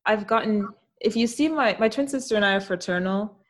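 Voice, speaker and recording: The podcast host, a young adult woman, talks fairly quickly in a medium-pitched voice. She keeps the conversational interview casual, thinking things through reflectively and laughing easily.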